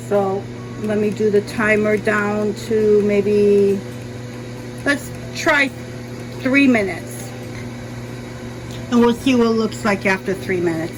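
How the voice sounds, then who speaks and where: A cooking vlogger with a medium-pitched voice and a mild speech impediment chats casually while narrating her cooking in a home kitchen, thinking aloud and correcting herself. The background is noisy.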